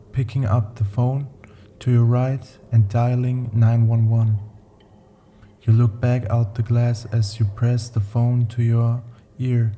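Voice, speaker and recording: A man narrating short horror stories in a slow, deliberate, ominous manner. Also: mid-range voice, warm tone, a little hiss or hum. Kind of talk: scripted horror story narration.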